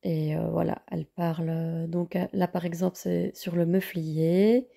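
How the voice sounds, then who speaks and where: A woman's voice: on the low side, little pitch movement, unhurried, gravelly, dark tone. A woman vlogger casually reviewing books, hesitant with many fillers.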